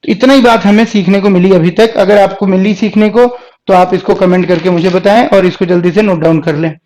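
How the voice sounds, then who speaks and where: High-voiced man teaching Hindi grammar. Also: steady tone, a little mellow. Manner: asks rhetorical questions and answers them himself; repeats words slowly to show pronunciation. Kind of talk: classroom lecture.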